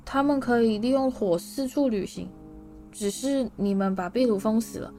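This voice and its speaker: A woman's voice: fairly high pitch, normal speed, mellow, soft background music, lightly acted. A woman voicing a polite teenage boy wizard who talks earnestly while holding back laughter.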